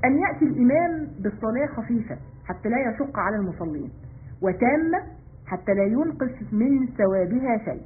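A man's voice: extremely high pitch, sing-song, fairly quick, slight background noise. A man with an Egyptian accent giving a live-streamed religious lesson, asking questions and answering them himself. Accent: Egyptian Arabic. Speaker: religious teacher. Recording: tinny phone-like live stream audio.

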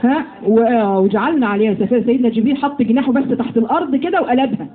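A woman with an Egyptian accent giving a lively religious lesson to women, often putting questions to her listeners. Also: fairly high pitch, rapid-fire. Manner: lively, asks the audience questions. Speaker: religious teacher. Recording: tinny phone-like audio with faint noise.

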